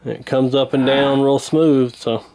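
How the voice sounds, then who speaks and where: At an indoor workbench, a man who hosts and repairs radios talks unhurriedly through a hands-on fix, his medium-pitched voice fairly even. The handheld camera recording it sits near the bench, and its mic picks up noticeable background noise.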